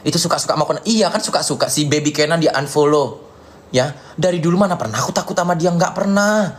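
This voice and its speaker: Angry and taunting, an Indonesian man on a live stream repeats insults against someone as he reads and answers viewer comments. His voice leans high, and he fills pauses with frequent "ya."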